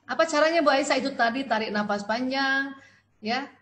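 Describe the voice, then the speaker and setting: Woman, middle-aged, high-pitched, lecture, animated, rhetorical questions. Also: moderate pace. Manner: animated, asks and answers her own questions. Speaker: doctor giving a talk.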